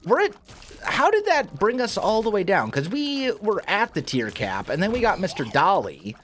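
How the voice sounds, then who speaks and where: Animated man with groggy morning voice. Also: high voice, normal speed, slight background noise. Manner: chatty, thinking aloud, frequent self-corrections. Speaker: let's play host. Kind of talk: casual gameplay commentary.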